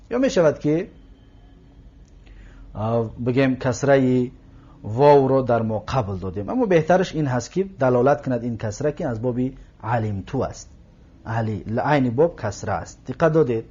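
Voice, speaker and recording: A man teaching an Arabic grammar lesson in Persian, explaining slowly, repeating words and checking that listeners follow. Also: mid-range voice, darkish tone. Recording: dull lo-fi recording.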